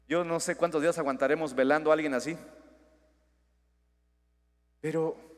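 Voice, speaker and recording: A man preaching a sermon as pastor, with emphatic lines that swing between loud declarations and hushed asides. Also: on the high side, steady tone, moderate pace. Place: church sanctuary. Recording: long hall reverb.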